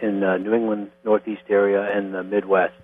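A man's voice: on the low side, little pitch movement. Middle-aged man on a tinny phone line. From Connecticut. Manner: unhurried, plain-spoken, explains step by step. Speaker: guest, distiller. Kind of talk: phone interview.

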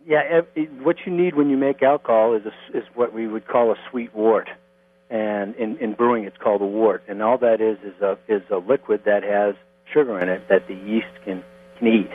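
A man's voice: fairly low pitch, steady tone. Middle-aged man on a tinny phone line. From Connecticut. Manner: unhurried, plain-spoken, explains step by step. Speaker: guest, distiller. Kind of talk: phone interview.

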